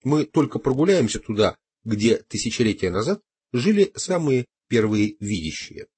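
A man narrating an audiobook in first person with a measured, expressive reading. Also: medium pitch, breathy edge, no echo.

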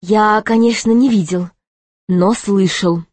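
A woman's voice: mid-range voice, takes it slowly, darkish tone, dry recording. A woman voicing a male gate guard who talks lazily and rambles on. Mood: smug. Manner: drawling, rambling.

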